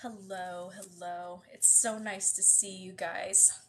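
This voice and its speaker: Slowly and with little pitch movement, a woman with a mid-range, slightly nasal, congested voice greets viewers on a livestream book reading. She's from the US West Coast, chats casually with plenty of fillers and restarts, and there's slight background noise.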